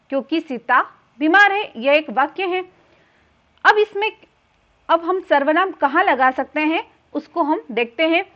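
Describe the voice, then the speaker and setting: A woman's voice: high-pitched, highs cut off. A woman teaching a grammar lesson for exam students, explaining each point patiently and repeating key terms, with a few filler sounds.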